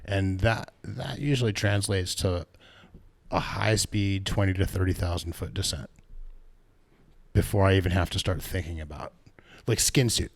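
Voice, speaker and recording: A man's voice: deep voice, moderate pace, vocal fry, pauses often. A man co-hosting a casual podcast, talking in a rambling way, often correcting himself and laughing at his own stories. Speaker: podcast co-host, bike shop staff. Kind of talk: casual chat.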